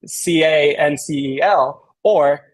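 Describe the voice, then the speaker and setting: A tech company guest on a podcast interview, a man from Romania with a slight Romanian accent, explains things fast, packing in fillers and restarting often. His voice is on the high side, with no echo.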